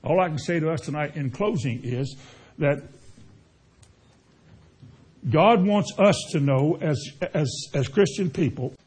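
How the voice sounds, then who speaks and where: Husky preacher. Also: male voice, a little high, unhurried, long pauses, darkish tone. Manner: conversational, asks the congregation questions. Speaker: pastor. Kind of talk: sermon.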